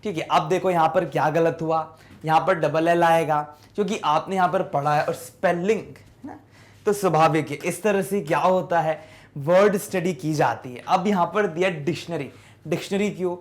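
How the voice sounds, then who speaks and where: In a class lesson on English spelling, a high-voiced male teacher guides his students along. He poses one question after another, supplying every answer himself. Words come out slowly, drawn out syllable by syllable.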